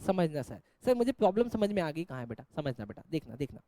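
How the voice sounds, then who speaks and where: A man runs an accounts lesson in a fairly high, mellow voice. He teases and mock-scolds his students as he explains. The sound is dry and close. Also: very animated, fast talker, no room sound. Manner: teasing, scolding jokingly, calls students "beta". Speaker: teacher. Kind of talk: Hindi-English accounts lecture.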